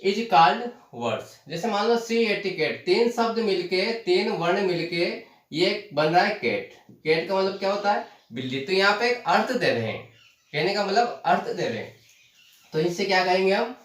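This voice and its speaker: A man teaching a lesson, explaining terms slowly, repeating them and asking the class questions. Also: sits high, lively intonation, a bit bright. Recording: echoey room, voice from far off the mic.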